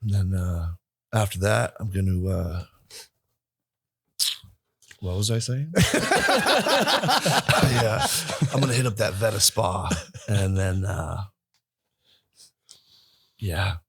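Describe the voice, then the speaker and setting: A man's voice: deep voice, takes it slowly, vocal fry, long pauses, husky, no room sound, pitched below the performer's own voice, full character voice. A man putting on a laid-back stoner dude, drawling, spaced-out, slangy. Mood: mellow, spaced-out. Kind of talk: podcast banter.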